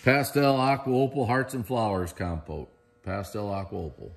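This middle-aged man has a fairly low, gravelly voice with lively intonation, speaking at normal speed amid a little hiss or hum. He presents auction items on a handheld camera inside a large warehouse room. His casual walkthrough is enthusiastic and chatty, full of praise for the pieces.

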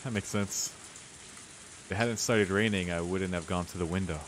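With fairly even intonation and a moderate pace, a young man in a low, deep voice reads out visual novel narration and reacts casually as a let's player. Rain and hiss come through clearly in the background.

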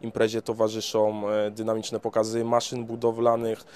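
A middle-aged man speaking as a fair organizer in a trade fair interview, in a steady, informative way, outdoors with a handheld mic. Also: fairly low pitch, normal speed, clean tone. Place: outdoors in front of an exhibition hall. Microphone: handheld reporter mic.

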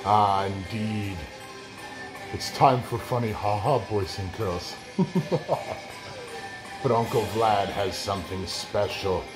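A man's voice: on the low side, rough recording. A man playing a sinister, gloating old vampire-like uncle who hosts a show, talking theatrically and breaking into cackles. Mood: pontificating. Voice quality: theatrical, cackling laughs between lines. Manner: slow, drawn-out, menacing pontificating. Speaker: show host character. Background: mallet and xylophone music.

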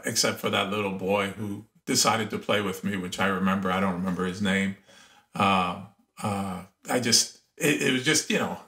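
Iran-born guy in his 50s, persian native, gravelly, telling animated stories on a podcast. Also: lowish voice. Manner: animated anecdotes with laughter and acted-out quotes. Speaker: podcast guest. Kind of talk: casual storytelling interview.

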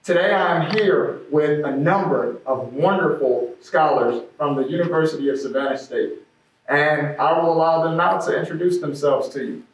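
A man's voice: on the high side, normal speed, a little hiss or hum. Young male moderator, formal, distant echoey sound. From Cleveland, Ohio. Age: young adult. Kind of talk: moderating a panel.

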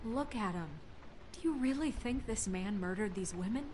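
A woman's voice: medium pitch, expressive, normal speed, darkish tone, slight background noise, close to an everyday voice. An actress voicing a stern, composed young woman in a story game, speaking in a cool, cutting way. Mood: cold.

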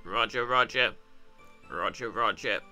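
A man voicing a male robot battle droid with a flat, nasal, computer-like delivery. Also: medium pitch, unhurried, faint music behind. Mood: robotic. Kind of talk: fan voice acting over a game stream.

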